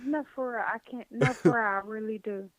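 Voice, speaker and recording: A woman's voice: fairly high pitch, brisk, no echo. A woman from Detroit, a singer and teacher, talking candidly and animatedly as a podcast guest. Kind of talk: casual chat. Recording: tinny phone-like line.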